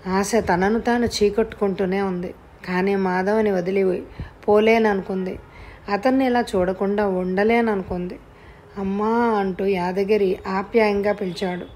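A woman narrating an audio novel in a slow, measured reading. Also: medium pitch, fairly even intonation, a little mellow, slight background noise.

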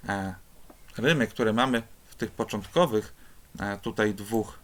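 A man's voice: on the low side, a little slow, a bit bright. A man teaching a lesson on rhymes, explaining step by step in a patient way with occasional hesitations. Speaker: Polish teacher.

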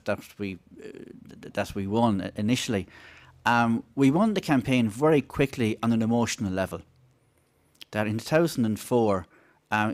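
A middle-aged man with a thick Wexford Irish accent, giving an informal, wry conference talk into a table microphone. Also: on the low side. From Wexford, Ireland. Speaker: campaign speaker on a panel. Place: conference room, seated at a table. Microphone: gooseneck table microphone.

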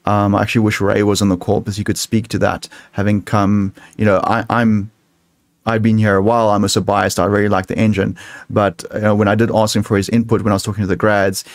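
Halting man answering tech questions. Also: fairly low pitch, a little mellow, dry recording, clean studio sound. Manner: halting, many restarts and fillers. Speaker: software developer speaking at a meetup. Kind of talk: casual tech talk Q&A.

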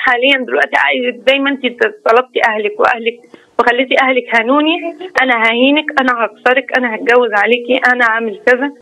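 Egyptian woman caller on a phone line, high bright voice, talks super fast and pleading. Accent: Egyptian Arabic. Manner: rushed, pleading, repetitive. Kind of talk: phone-in call, emotional complaint.

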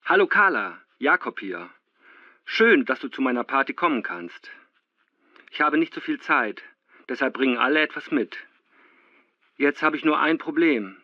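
A man's voice: medium pitch, expressive, normal speed, long pauses, no echo, close to an everyday voice. A man acting a casual, friendly party host leaving a scripted phone message. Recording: dull, dry phone-message sound.

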